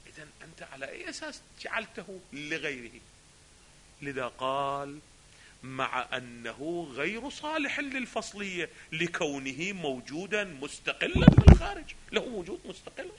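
Lively man lecturing. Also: on the high side, moderate pace, a little hiss or hum. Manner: asks rhetorical questions and answers them himself. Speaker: religious scholar teaching a text. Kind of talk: classroom lecture on a philosophy text.

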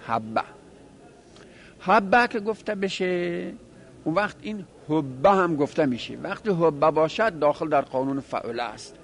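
Man, grammar teacher, classroom lecture, fairly high voice, step-by-step explanation, repeats forms aloud. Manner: conversational, addresses the class directly.

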